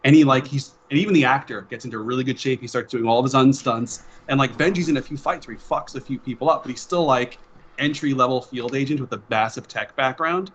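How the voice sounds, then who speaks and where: A man's voice: medium pitch, quick pace, slight background noise, poor audio. A man narrating as game master in a loose, rambling, profane way over a voice call. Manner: loose, rambling, swears, laughs often.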